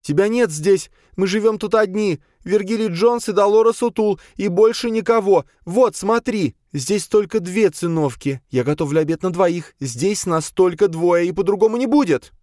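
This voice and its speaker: A man's voice: normal speed, few pauses, darkish tone, no echo, clean studio sound, natural voice. A man voicing a frantic, terrified woman who screams at a ghost from her hiding place in a storybook reading. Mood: shrieking terror. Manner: screaming, frantic, high-pitched.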